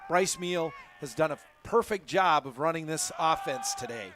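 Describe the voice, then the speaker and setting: A man's voice: a little high, animated, normal speed, background noise. A man as color commentator on a live college football broadcast, breaking down plays and laughing easily with his partner. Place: press box at a football stadium.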